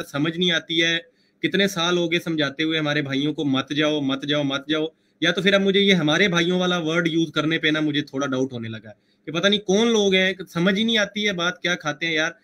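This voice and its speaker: Bright, animated man joking on a call. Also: a little high. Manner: joking, teasing, recites verse with emphasis. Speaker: co-host on a religious debate stream. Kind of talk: casual chat with banter and recited couplets.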